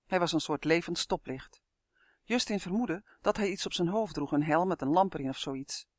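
A man narrating a fantasy children's book with an expressive reading. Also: on the high side, moderate pace, no echo, clean studio sound. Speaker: audiobook narrator. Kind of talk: scripted storybook narration.

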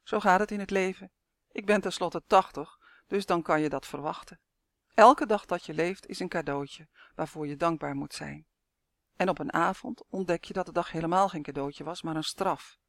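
A man reading aloud, voicing a kind, frail old woman of eighty who speaks calmly and soothingly. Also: fairly high pitch, moderate pace, creaky, no echo, clean studio sound. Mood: resigned. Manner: calm, soothing, gently wise.

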